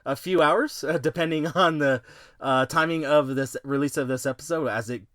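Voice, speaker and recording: A man's voice: fairly high pitch, moderate pace, a bit bright, no room sound, clean studio sound. A man hosting a casual podcast conversation. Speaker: podcast host.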